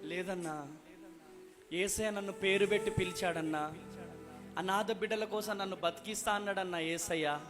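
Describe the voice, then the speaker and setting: High-voiced fiery pastor. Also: male voice, steady tone, moderate pace, long pauses. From Telangana, India. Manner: exhorting, demands "amen" and clapping from the crowd. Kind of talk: fiery revival sermon with call-and-response. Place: large hall at a revival meeting. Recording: echoey hall with music behind.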